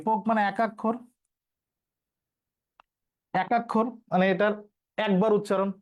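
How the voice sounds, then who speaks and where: In an online exam-prep lesson, a male teacher walks students through pronunciation rules one step at a time, repeating each key point. His voice sits high, with a darkish tone.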